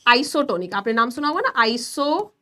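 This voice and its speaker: A woman's voice: on the high side, big pitch swings, pushed and bright. A woman teaching an online nursing class, quizzing her students and then answering herself. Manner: explains slowly with hand demonstrations.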